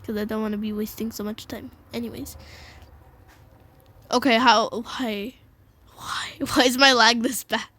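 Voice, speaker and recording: Giggly high-voiced young woman gaming. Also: measured pace, pauses often. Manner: giggly, excitable, slangy, with sudden shrieks. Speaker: gamer. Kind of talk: casual gameplay commentary.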